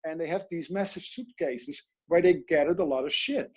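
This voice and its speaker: Speaking with a Dutch accent over a video call, a coach from the Netherlands tells stories in an online interview, animatedly voicing the inner voices he quotes. His voice sits a little high, slightly rough, at a moderate pace.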